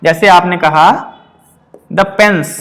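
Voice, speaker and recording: A man with a fairly high voice and a Hindi accent gives an exam-prep grammar lesson in an indoor teaching room. He explains patiently, checks often that students follow, and slows right down for example sentences. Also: fairly bright tone.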